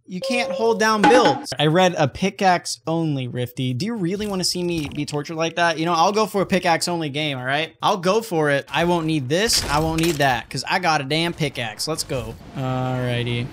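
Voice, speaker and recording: A young man streaming a video game, talking excitedly at his desk, yelping and swearing at what happens on screen. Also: on the high side, normal speed, hardly any pauses, slight background noise. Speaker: gaming streamer. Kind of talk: excitable gameplay commentary. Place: at a computer desk. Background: background music.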